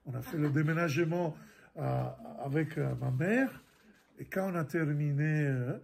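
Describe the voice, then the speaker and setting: A middle-aged man, a priest giving a catechism lesson, explaining scripture in a halting way with many repeated words and fillers. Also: on the high side, vocal fry, a little mellow, a little hiss or hum.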